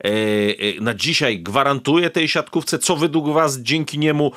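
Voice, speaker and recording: A man conducting a radio-style interview, asking long, animated questions full of small restarts. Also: mid-range voice, measured pace.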